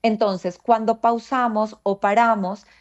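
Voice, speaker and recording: A woman's voice: a little high, steady tone, slow pace. A woman explaining ideas in a podcast conversation, reflective and full of rhetorical questions. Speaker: guest speaker. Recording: dull lo-fi sound.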